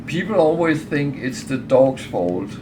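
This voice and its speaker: A man's voice: medium pitch, big pitch swings, a little slow. A middle-aged man chatting casually while gaming on a livestream, hesitant with many fillers and restarts. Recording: clear background noise.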